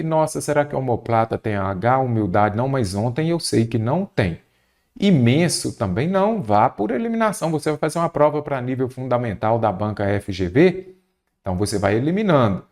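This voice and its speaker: A man's voice: medium pitch, darkish tone. A man teaching a Portuguese grammar exam-prep lesson, explaining step by step and often checking in with the viewer.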